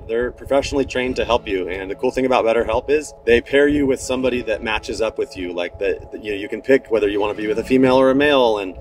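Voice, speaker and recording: A man's voice: fairly low pitch, quick pace, hardly any pauses, slight background noise. A middle-aged man talking earnestly and casually in a sponsor segment, sitting indoors. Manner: earnest, conversational.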